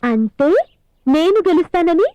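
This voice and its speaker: A woman's voice: very high-pitched, lively intonation, dark tone, no room sound, highs cut off. An actress playing a witty young lawyer wife who teases her husband in film dialogue. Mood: teasing. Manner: teasing, quick-witted.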